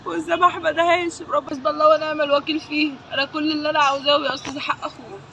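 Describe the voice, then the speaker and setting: A woman's voice: high voice, level tone, rapid-fire, pushed and bright, slight background noise, poor audio. A grieving woman with an Egyptian Arabic accent, the victim's sister, speaking emotionally with repeated invocations against the accused in a street interview.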